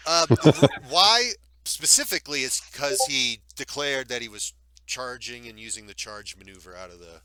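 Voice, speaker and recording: Bright-voiced man running a tabletop game. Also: medium pitch, moderate pace, clean tone, dry recording. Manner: relaxed, laughing, describing combat. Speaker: game master.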